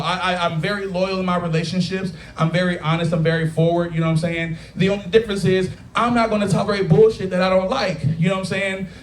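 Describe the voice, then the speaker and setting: Audience laughter rings through an echoey bar as a high-voiced man in his thirties performs crude stand-up on a taproom stage. His set is conversational, and he often checks in with the crowd.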